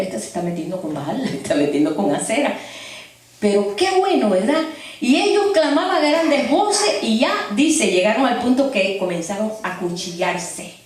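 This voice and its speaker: A woman preaching a sermon, telling stories in an animated way and laughing as she speaks. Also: medium pitch. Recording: echoey hall from far off.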